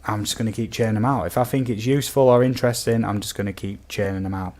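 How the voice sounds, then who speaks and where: Hosting a relaxed live chat, this game streamer talks fast in a steady tone, his voice fairly low, darkish and faintly croaky. He's chatty and easygoing, speaking to viewers as if they're his mates.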